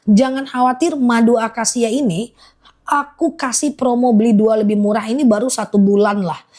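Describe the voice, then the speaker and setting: A woman with a slightly high voice delivering a live-selling sales pitch. She talks in a chatty, reassuring way and keeps repeating herself. At times she slows down to tick through a long list item by item. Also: steady tone, a little mellow. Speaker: live-stream honey seller.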